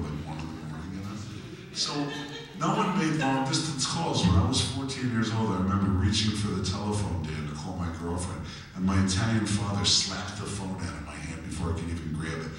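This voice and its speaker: A man's voice: sits low, fairly bright tone. A man in his fifties with a New Jersey accent, telling joking stories to a live audience and asking the crowd questions. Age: 50s. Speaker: musician telling stories on stage. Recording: echoey hall from far off.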